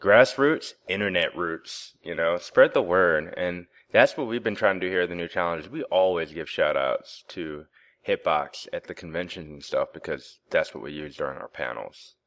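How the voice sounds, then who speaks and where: A man co-hosting an interview podcast, telling a personal story in a relaxed, talkative way. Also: low voice, normal speed. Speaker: podcast co-host. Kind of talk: casual interview chat.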